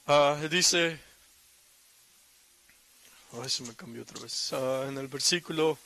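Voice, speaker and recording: A man's voice: medium pitch, takes it slowly, gravelly, pushed and bright. A man preaching a sermon in Spanish, reading scripture aloud and explaining it with emphatic asides and rhetorical questions. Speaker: pastor.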